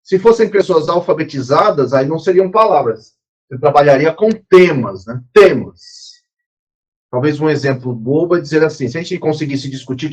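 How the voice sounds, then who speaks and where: A man's voice: a little high, darkish tone. A man, teaching a recorded lecture in a spontaneous, explanatory way with frequent restarts and asides.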